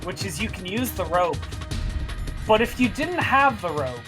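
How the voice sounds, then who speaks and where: A game stream co-commentator explaining things casually, in a halting way. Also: mid-range voice, big pitch swings, loud music behind the voice.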